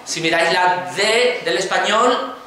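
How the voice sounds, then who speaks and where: Speaking a little slowly in a high, sharp voice, this Andalusian-accented man teaches a phonology class. His lecture is explanatory, broken up by frequent questions checking that students understand, and it's captured in an echoey classroom with faint noise.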